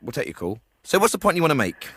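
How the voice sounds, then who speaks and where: A man's voice: a little high, very animated, racing, fairly bright tone, husky, dry recording, full character voice. An actor playing a glib, self-satisfied male host of a radio phone-in show. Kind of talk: comedy phone-in hosting.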